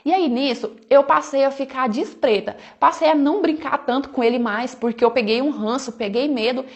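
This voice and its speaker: A woman's voice: high voice, moderate pace. A woman with a Brazilian Portuguese accent telling a personal story in a casual, chatty first-person storytime style, often tossing in conversational fillers. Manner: chatty, conversational, often adds "né" and "falou assim".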